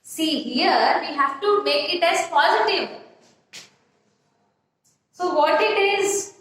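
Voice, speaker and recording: Very high bright lady teacher, slow and repetitive, far from the mic in a boomy room. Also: lively intonation, very echoey. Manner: repetitive, spells out words letter by letter, asks "yes?" often. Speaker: school English teacher. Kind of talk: classroom grammar lesson.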